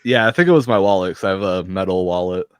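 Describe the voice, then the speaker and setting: A man's voice: low-pitched, quick pace, clear, resonant tone. A man hosting a podcast, chatting in a laid-back way with frequent chuckles and short replies. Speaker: podcast host. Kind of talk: casual chat.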